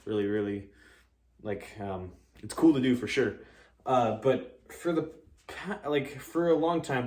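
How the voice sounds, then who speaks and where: A man gives a casual tutorial in a mid-pitched voice. His delivery is informal and halting, with a modest, self-deprecating way of explaining, and the room echoes noticeably around him. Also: darkish tone. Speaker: amateur vocalist and drummer giving a tutorial. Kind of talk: casual explanatory vlog chat.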